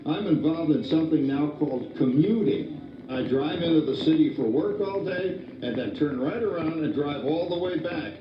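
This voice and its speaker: A man's voice: a little high, normal speed, a crowd in the background. An actor playing a cheerful, chatty father who jokes and chuckles about his family, heard from an old VHS tape recording. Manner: chatty, joking, chuckles often. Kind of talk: scripted stage narration. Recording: muffled old VHS tape, echoey hall from far off, music behind.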